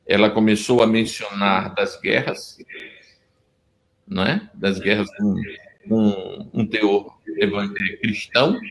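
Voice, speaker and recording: Speaking slowly with fairly even intonation, this lowish-voiced man gives an earnest testimony interview about his life as a pastor. He's middle-aged, from Brazil with a Pernambuco accent, often starts sentences over, and the audio is poor.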